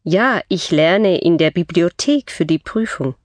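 A woman reading scripted textbook dialogue for a language course with slow, clear enunciation. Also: lowish voice, expressive, no room sound.

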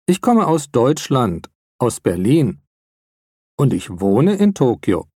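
A man in his thirties playing a friendly character in a scripted textbook dialogue, speaking in a clearly articulated way. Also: mid-range voice, sing-song, slow, mellow, no room sound, clean studio sound, heavily acted. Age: 30s. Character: adult man introducing himself, friendly.

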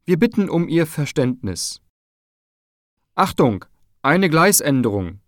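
Man, station announcer, formal, measured, very slow, dry sound. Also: on the high side, very animated, no echo. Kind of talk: scripted train station announcements.

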